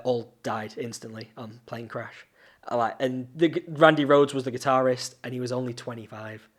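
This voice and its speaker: Rambling man telling stories. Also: mid-range voice. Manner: rambling storyteller with many restarts. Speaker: podcast co-host. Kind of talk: casual chat.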